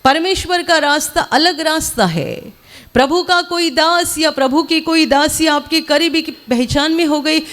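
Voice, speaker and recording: A woman preaching a sermon in a measured, repetitive style, calling out hallelujahs between points. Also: sits high, fairly bright tone.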